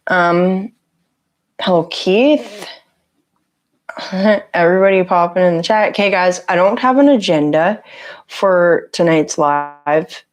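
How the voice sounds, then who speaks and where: A livestream host, sick with a cough, chats casually from her home office in a raspy, low-leaning voice, greeting viewers by name. She speaks slowly with long pauses, recorded on a lapel mic clipped to her shirt.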